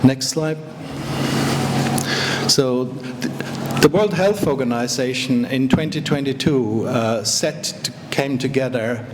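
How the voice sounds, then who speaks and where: A middle-aged man from Austria, a native German speaker with an Austrian accent, giving a university guest lecture, explaining carefully with fillers and restarts. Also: medium pitch. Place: lecture hall. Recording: lecture hall reverb, background noise.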